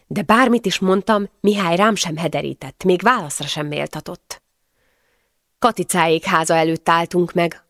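A woman's voice: lowish voice, vocal fry, fairly bright tone, no echo, studio quality. A woman narrating a first-person novel as an audiobook, with emotional storytelling.

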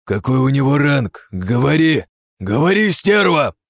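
A man voicing a furious, greedy aristocrat who shouts and snarls. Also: lowish voice, normal speed, dry recording, clean studio sound, voice pushed up, lightly acted. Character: furious greedy middle-aged male aristocrat.

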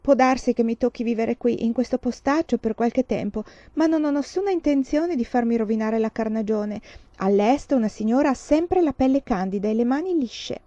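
A woman's voice: on the high side, expressive, moderate pace, mellow, no echo, pitched above the performer's own voice, lightly acted. A woman voicing a vain, snobbish teenage girl who speaks with a haughty, disdainful drawl. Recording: slightly dull, dry recording.

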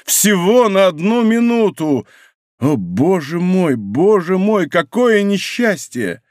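A man's voice: high-pitched, sing-song, slow, darkish tone, dry recording, studio quality, pitched above the performer's own voice, heavily acted. A man doing an anguished, lamenting lord. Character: distraught English lord, anguished nobleman.

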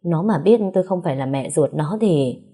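A woman's voice: low-pitched, lively intonation, fairly quick, mellow, slightly rough. A woman voicing a fearful adoptive mother who implores in a storybook reading. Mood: begging.

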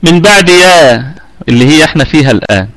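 A man's voice: a little high, expressive, quick pace, fairly bright tone. A middle-aged man with an Egyptian Arabic accent giving a live online tajweed lesson, explaining patiently and often correcting himself mid-sentence. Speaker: Quran recitation teacher.

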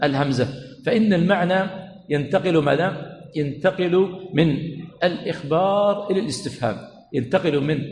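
A man teaching a religious lesson to students, quizzing them with repeated questions and stretching words slowly for emphasis. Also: on the high side. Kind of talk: classroom lecture. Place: teaching center hall. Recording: echoey hall with long reverb, faint room noise.

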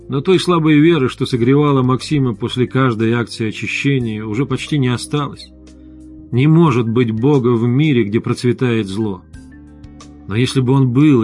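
Reading from a script, a man narrates an audiobook at a steady, even measure. His voice sits in the mid range.

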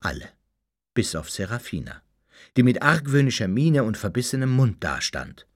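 Lively, theatrical male audiobook narrator. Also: mid-range voice, moderate pace, no echo, clean studio sound. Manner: theatrical, expressive. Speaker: audiobook reader. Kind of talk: dramatic first-person storybook narration.

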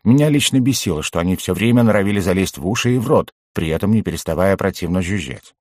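Field: narrator. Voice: low, expressive man. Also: fast, no echo, clean studio sound. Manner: expressive reading. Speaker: audiobook narrator. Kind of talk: first-person fantasy narration.

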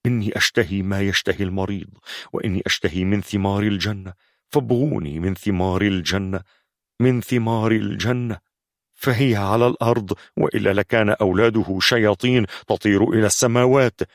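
A man's voice: lowish voice, fairly even intonation, brisk, no room sound, studio quality, lightly acted. A man voicing an anxious young captive who stammers as he explains. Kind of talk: audiobook narration.

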